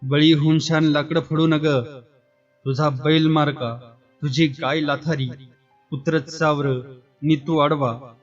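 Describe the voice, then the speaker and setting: A man's voice: fairly high pitch, little pitch movement, takes it slowly, long pauses, far from the mic. A man voicing a rustic village shepherd who scolds in earthy dialect, in a dull recording with faint music. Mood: scolding.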